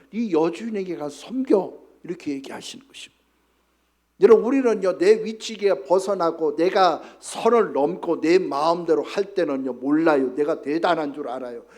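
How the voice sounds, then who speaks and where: A man's voice: a little high, a little mellow. A male pastor delivering an emphatic sermon in church, often calling out to the congregation.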